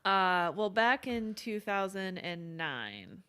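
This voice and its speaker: A woman co-hosting a true-crime podcast, talking loosely with plenty of "um" and "uh". Her voice sits in an ordinary middle pitch. She slips into short quoted lines as she tells the story. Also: sing-song, slow, pushed and bright, smooth. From not from England. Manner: conversational, many fillers and quoted asides. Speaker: podcast co-host. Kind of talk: casual true-crime chat.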